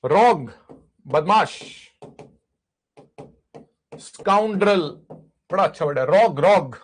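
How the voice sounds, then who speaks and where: A man's voice: high-pitched, expressive, takes it slowly, a little hiss or hum. A man teaching an exam vocabulary lesson, drilling word lists by repetition and asking and answering his own questions. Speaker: English teacher.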